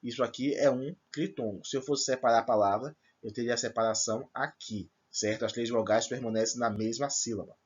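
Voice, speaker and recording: A man's voice: medium pitch, fairly even intonation, a little fast, hardly any pauses, slightly rough, dull audio. A man teaching a grammar lesson to first-year students, explaining step by step and checking in with his class. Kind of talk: recorded remote class lesson.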